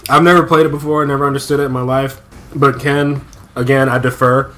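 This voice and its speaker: A man's voice: mid-range voice, little pitch movement, fast talker, bright, forceful tone, slight background noise. A man co-hosting a let's play, joking casually while reading the credits aloud. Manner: joking, reads credit names aloud with asides and laughs. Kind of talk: casual gaming commentary.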